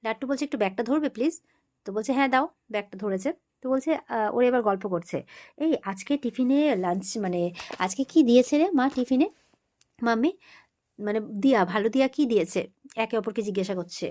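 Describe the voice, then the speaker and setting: Fast-talking woman retelling a TV serial. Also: a little high, darkish tone. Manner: acts out the dialogue in a raised voice. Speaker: serial recap narrator. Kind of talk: casual retelling of a TV episode.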